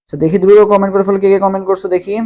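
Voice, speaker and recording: Fast-talking tutor, drilling by repetition. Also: male voice, high-pitched, monotone, mellow, highs cut off. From Bangladesh. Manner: drills by repetition, asks questions and answers them himself. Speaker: exam-prep tutor. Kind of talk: live online class.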